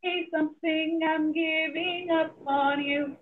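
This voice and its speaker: A co-host calling in on a live stream, whose voice sounds hollow and echoing, as if in a tunnel, speaking slowly and casually. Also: high-pitched, slight background noise. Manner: relaxed, speaks slowly on purpose. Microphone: phone call played through a Bluetooth speaker. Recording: dull, distant, lo-fi call audio.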